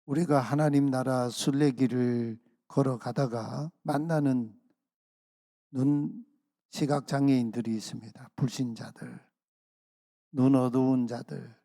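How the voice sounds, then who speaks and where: Male pastor, sermon voice, gravelly, dry close sound, earnest with slowed emphasis. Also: medium pitch, fairly even intonation, mellow, no echo. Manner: earnest preaching, slows and stresses key phrases. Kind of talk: sermon at a dawn prayer service. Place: church sanctuary.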